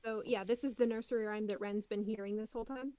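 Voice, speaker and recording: A woman's voice: fairly high pitch, steady tone, fast talker, dark tone. A woman player in a tabletop game, chatting casually and eagerly encouraging the others.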